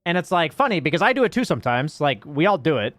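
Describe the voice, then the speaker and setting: A man's voice: on the high side, very animated, fast, fairly bright tone, no echo. Rambling young man coaching his viewers. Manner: rambling, filler-heavy, reflective explaining. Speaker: Dota coach and streamer. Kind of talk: casual chat to stream viewers.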